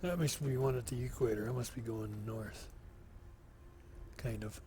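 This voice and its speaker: A man giving relaxed solo commentary as he plays, slow and musing, thinking aloud to himself. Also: medium pitch, a little hiss or hum. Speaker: gameplay commentator.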